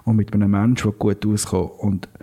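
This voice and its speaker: A man's voice: on the low side, flat delivery, normal speed, warm tone, slightly rough. A man with a Swiss German accent co-hosting a podcast, chatting casually in a joking, playful way. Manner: joking, playful, mock-meditative. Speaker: podcast co-host. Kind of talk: casual chat.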